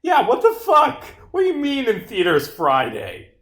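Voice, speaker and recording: Indoors at his computer, a man livestreams while working on his game, reading and bugfixing script aloud and muttering to himself with sweary, grumbling asides. His very high voice swoops wildly in pitch, at normal speed with a fairly bright tone.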